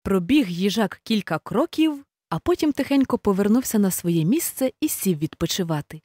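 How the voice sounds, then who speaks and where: A woman reading a children's fairy tale aloud in an expressive, animated way. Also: medium pitch, normal speed, no echo. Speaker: storyteller. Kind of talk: storybook reading.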